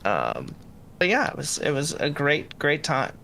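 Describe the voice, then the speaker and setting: Lively bright-voiced man, playful. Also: on the high side, a little slow, creaky, slight background noise. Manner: animated, playful, rambling. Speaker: voice actor in the cast. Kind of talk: casual chat. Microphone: online voice chat.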